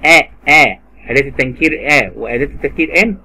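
Patient Egyptian teacher drilling grammar. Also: male voice, mid-range voice, quick pace, bright, forceful tone, a little hiss or hum. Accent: Egyptian Arabic. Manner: patient, repeats words over and over. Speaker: English teacher. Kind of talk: drilling grammar lesson for a child.

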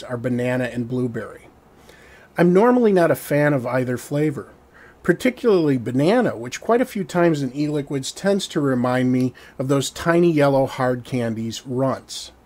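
A man in his thirties giving a scripted, wry and descriptive product review to camera, with a measured delivery, in a small dark indoor studio on a standing mic. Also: medium pitch, expressive.

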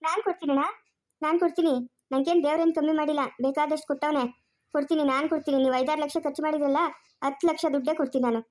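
High-voiced woman, fast, emotional pleading and scolding. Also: fairly even intonation, darkish tone. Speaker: mother in a family drama, also presenter. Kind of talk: family drama acting.

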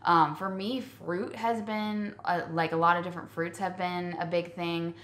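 A woman's voice: fairly low pitch, fairly even intonation, normal speed, fairly bright tone. A woman co-hosting a food vlog, chatting casually with many ums and likes. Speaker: vlog co-host. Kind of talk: casual chat. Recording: echoey room.

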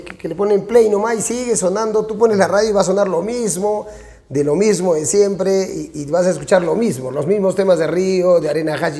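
A Peruvian man in his forties, a band's singer and songwriter, talks openly in an interview seated at a small restaurant table. His voice is gravelly and dark, and it sits slightly high for a man. His delivery is frank and animated, full of tag questions. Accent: Peruvian Spanish. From Peru. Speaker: band vocalist and songwriter. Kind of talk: casual interview talk. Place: small restaurant with brick walls.

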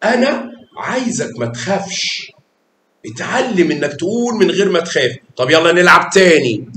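A man with an Egyptian Arabic accent, pitched a little above most men, teaches a room of young children. He is patient and affectionate, coaxing answers with warm pet names. The classroom is echoey, with a faint low rumble underneath. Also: very animated, normal speed. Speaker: math teacher.

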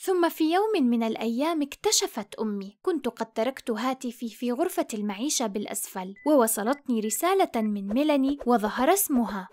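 A woman narrating a scripted first-person story in an expressive, dramatic way. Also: high-pitched.

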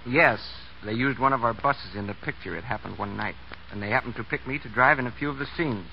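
An American bus driver appears as a guest in a scripted 1930s radio interview, speaking plainly and folksily. His mid-range voice is creaky and fairly quick. The period recording sounds dull and noisy.

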